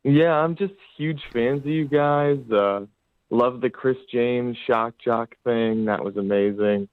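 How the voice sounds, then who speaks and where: A man's voice: medium pitch, slow pace, clear, resonant tone, dry recording. A male caller talking over the phone in a rambling way, full of fillers. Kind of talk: casual call-in chat. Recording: tinny dry phone line.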